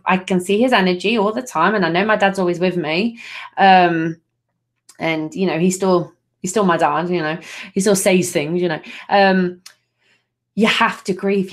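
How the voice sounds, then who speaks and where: Her voice sits on the low side as she, a middle-aged Nottingham woman, does an angel card reading live. Tender and calming, she leans heavily on fillers and loving pet names.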